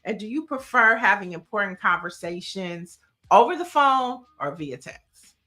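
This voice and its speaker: This is a woman co-hosting a casual talk stream. Her voice is bright and clear, and she talks in an animated, chatty way with frequent laughter. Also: medium pitch, moderate pace. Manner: animated, talkative, laughs often. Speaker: co-host. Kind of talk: casual chat.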